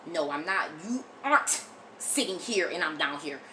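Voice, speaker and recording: A woman's voice: deep voice, lively intonation, moderate pace, pushed and bright, slight background noise, low-quality recording. An American woman delivering an impassioned, blunt opinion monologue as a video commentator, emphatic and repeating phrases for force, often swearing. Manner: frequent swearing.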